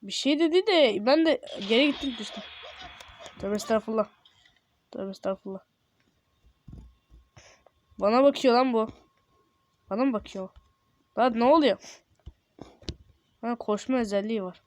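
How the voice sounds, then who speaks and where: A young man with a sore throat giving casual, excitable commentary while playing a game, yelping and exclaiming when startled. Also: very high voice, normal speed, long pauses, a little hiss or hum. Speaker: gameplay video host.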